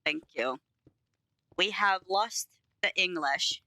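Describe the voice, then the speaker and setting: A young woman from Finland takes it slowly as she chats and rambles with her stream in English, her light Finnish accent showing between giggles and jokes at her own expense while she builds in a game. The voice is lowish, bright and forceful, in a dry recording.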